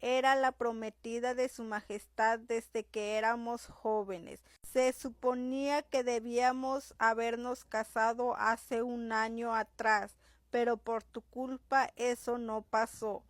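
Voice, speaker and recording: A woman's voice: on the high side, level tone, takes it slowly, no room sound, clean studio sound. A woman voicing a haughty, spiteful young noblewoman who mocks her rival. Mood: scornful. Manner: mocking, contemptuous.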